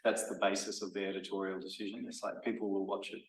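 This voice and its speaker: A man's voice: sits low, little pitch movement, quick pace. A man in the audience asking a hesitant question, searching for his words. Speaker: audience member. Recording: echoey room, far from the mic.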